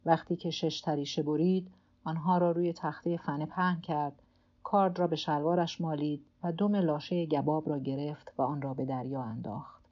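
A woman narrating a literary audiobook in a calm, measured reading. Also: deep voice, dull audio.

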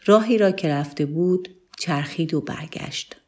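A woman with a low voice reads a literary story aloud. Her delivery is calm and measured, and the phrases move slowly. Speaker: narrator.

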